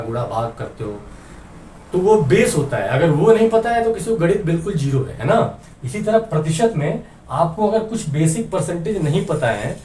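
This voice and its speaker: A man's voice: a little high, a little mellow. A man teaching a maths lesson, explaining step by step and often checking that the class follows. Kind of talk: classroom lecture. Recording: roomy sound, mic some distance off, faint hiss.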